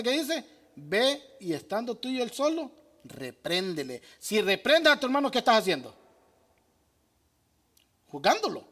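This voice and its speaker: A pastor with a high-sitting, bright, forceful voice preaches a sermon while fielding questions from the congregation. He's emphatic, posing questions and then answering them himself.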